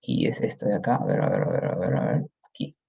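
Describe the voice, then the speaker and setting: Gravelly husky man teaching a Bible class. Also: fairly low pitch, wildly swooping pitch, fast, mellow, highs cut off. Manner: explanatory, often checks in with "¿no?" and "¿ok?".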